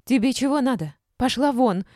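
A woman reading an audiobook, voicing a shrill, rude young actress who yells and screeches. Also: very animated, normal speed, dry recording, clean studio sound, natural voice. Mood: shrieking. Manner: screeching, yelling. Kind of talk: audiobook character voice.

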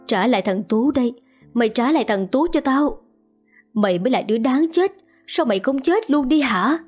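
A woman's voice: a little high, lively intonation, normal speed, darkish tone, soft background music. A woman voicing a grieving, furious mother who screams curses at her daughter. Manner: shrieking, cursing, sobbing.

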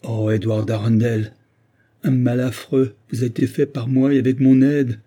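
A man's voice: mid-range voice, level tone, normal speed, mellow, close to an everyday voice. A man reading an audiobook and voicing a desperate, remorseful woman who pleads and wails. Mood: frantic. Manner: wailing, pleading outbursts.

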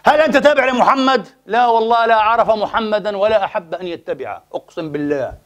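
A man's voice: high voice, animated, fast talker, a bit bright. A man preaching a sermon with passion, firing off rhetorical questions at his listeners.

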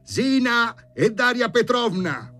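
A man's voice: on the low side, animated, a little slow, mellow, husky, soft background music, pitched above the performer's own voice. A man voicing a steely young male doctor who speaks in a firm, clipped, threatening way. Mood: icy menace.

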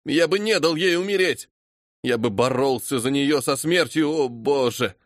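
A man voicing a grief-stricken young widower who bursts out in loud, anguished lines. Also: mid-range voice, lively intonation, moderate pace, no room sound, clean studio sound, natural voice.

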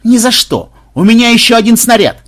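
Man putting on a reckless brawler, loud, bellowing, husky, lively pitch. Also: a little slow, full character voice. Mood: stubborn. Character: reckless brawny male fighter, eager.

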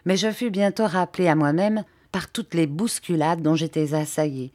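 Measured, expressive woman narrator, lowish voice, reading a novel. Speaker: audiobook reader. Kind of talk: scripted narration.

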